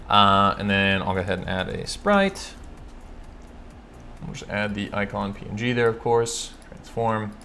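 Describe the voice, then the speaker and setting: A fairly low-voiced man from California hosts a casual live coding stream. He thinks aloud as he works, reading code out slowly and correcting himself with plenty of ums and uhs. A faint background hiss sits under his voice. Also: fairly bright tone. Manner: chatty, thinks aloud, frequent fillers and self-corrections; reads code aloud slowly while typing. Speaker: livestream host answering coding questions.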